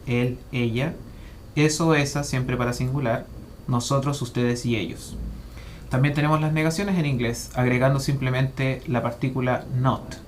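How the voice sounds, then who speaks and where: Male teacher, mid-pitched, methodical explainer, faint noise behind. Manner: methodical, slows to spell out English example phrases. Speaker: English teacher. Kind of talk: explanatory grammar lesson.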